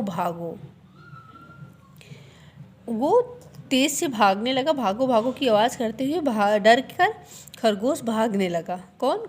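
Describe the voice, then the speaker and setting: A woman's voice: on the high side, breathy edge. A woman primary school teacher telling a story to young children. She repeats each line and asks quiz questions as she goes.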